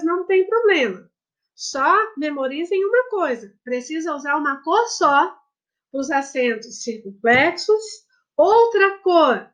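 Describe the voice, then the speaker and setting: A woman's voice: high-pitched, fairly bright tone. A woman, a primary school teacher recording a lesson for children, explaining patiently and affectionately step by step.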